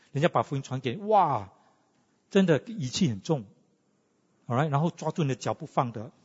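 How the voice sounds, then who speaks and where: A man preaching a sermon, teaching in an animated way and asking the congregation questions. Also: fairly high pitch, breathy edge. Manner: animated teaching, asks the congregation questions, mixes in English tags. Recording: lo-fi with long hall reverb.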